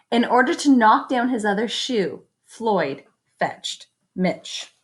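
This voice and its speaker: At an unhurried pace, a woman reads a children's picture book aloud, her pitch moving in a lively, expressive way. Like a storyteller, she speaks directly to listeners, mixing narration with conversational comments and pausing to comment and invite predictions.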